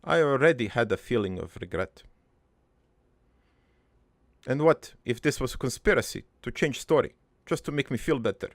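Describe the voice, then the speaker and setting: In a lightly acted improvised cartoon monologue, a man voices a crude, gruff ex-soldier who became a prankster, rambling haltingly and matter-of-factly through his regretful life. His medium-pitched delivery is animated, and there's no echo.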